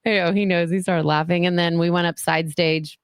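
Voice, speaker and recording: Woman telling a lively story. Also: on the low side, fairly quick, clean tone, dry recording, studio quality. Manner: animated storyteller acting out quotes. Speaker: podcast co-host. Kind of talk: casual chat.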